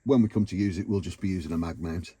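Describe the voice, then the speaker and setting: Speaking fast in a deep voice, a British car DIY vlogger talks informally and matter-of-factly as he works in a car. Background noise and clicks are clearly audible throughout the recording.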